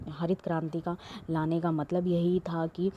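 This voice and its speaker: A woman's voice: fairly low pitch, little pitch movement, measured pace, dull audio, slight background noise. A woman teaching an exam-prep lesson, reading questions aloud and explaining them with many fillers and restarts.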